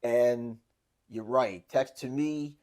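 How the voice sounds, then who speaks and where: A man's voice: medium pitch, takes it slowly, darkish tone. Chatty male podcast host. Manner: chatty, rambling storyteller with frequent restarts. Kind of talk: casual podcast chat.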